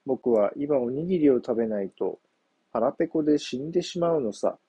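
A man's voice: mid-range voice, expressive, normal speed, warm tone, slightly rough, no echo, highs cut off. A man voicing a hungry, sly young male monkey in a children's story, whiny and boastful.

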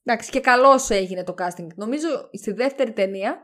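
Chatty woman, higher voice. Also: fairly bright tone. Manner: chatty, gushing, frequent fillers. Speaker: podcast co-host. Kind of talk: casual film review chat.

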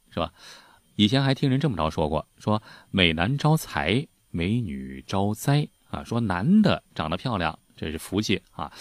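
In a dry recording, a man with a low-sitting voice tells history stories casually. His folksy, chatty storytelling is packed with spoken filler particles.

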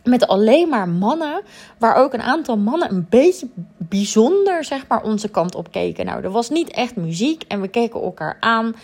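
A woman's voice: on the high side, big pitch swings, normal speed, a little mellow, slightly rough. Woman, 30s, casual anecdote, chatty, lots of fillers, mixes in English words. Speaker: storyteller.

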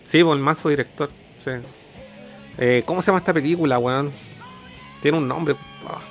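A man's voice: a little high, normal speed, soft background music. Slangy Chilean man chatting casually. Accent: Chilean Spanish. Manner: slangy, groping for words, frequent restarts. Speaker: streamer co-host. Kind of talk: casual chat.

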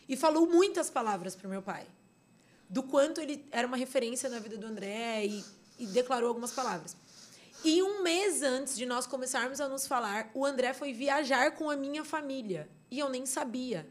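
A woman's voice: high voice, expressive, normal speed. A woman with a Brazilian accent, a podcast guest telling a personal story earnestly, with many fillers and restarts.

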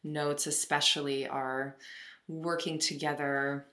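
A woman's voice: low voice, flat delivery, slow, pushed and bright. A woman hosting an interview podcast, asking engaged, friendly questions. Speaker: podcast host. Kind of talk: interview talk. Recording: roomy echo.

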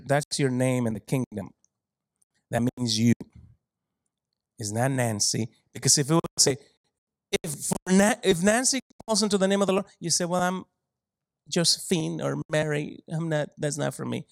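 Brief: male preacher, lively sermon, playful humor, close dry mic. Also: no room sound, rough recording. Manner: animated, joking asides, laughs often, big swings in pitch and loudness.

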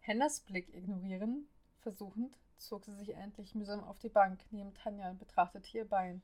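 A woman narrating a story as an audiobook reader, reading with an even, steady delivery. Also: medium pitch, normal speed.

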